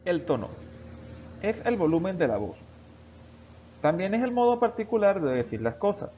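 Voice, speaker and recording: Male teacher, higher-pitched voice, steady explanatory lesson delivery, muffled lo-fi recording. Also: moderate pace. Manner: steady explanatory delivery, addressing students directly. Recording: dull lo-fi recording with faint background hiss.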